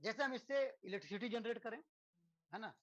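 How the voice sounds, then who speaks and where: A male teacher gives a relaxed physics lesson to students. He keeps checking in with tag questions and leans on rhetorical questions and everyday examples to make his points. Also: sits high, fast talker, muffled recording. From India. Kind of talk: lecture to students.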